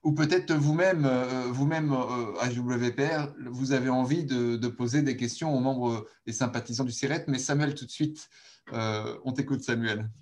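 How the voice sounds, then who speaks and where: Male moderator, medium pitch, informal online meeting, pausing, self-rephrasing. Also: darkish tone. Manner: hesitant, pausing, rephrasing as he goes. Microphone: video call.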